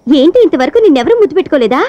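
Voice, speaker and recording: A woman's voice: high voice, lively intonation, racing, mellow, no echo, muffled recording. An actress playing a bold young woman who teases a shy date and pushes for a kiss in a film comedy. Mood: teasing. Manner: bold, teasing. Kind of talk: film romantic comedy scene.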